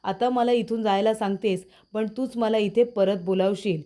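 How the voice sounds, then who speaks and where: A woman voicing a greedy, scheming young man who talks smoothly to get his way. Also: medium pitch, steady tone, normal speed, dark tone, natural voice. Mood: sly, defiant. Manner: smooth, sly.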